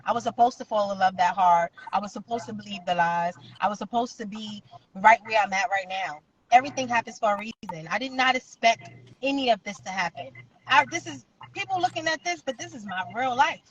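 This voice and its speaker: A woman's voice: mid-range voice, brisk, lo-fi sound. A woman guest on a live talk show, crying as she tells an earnest personal story with insistent emphasis.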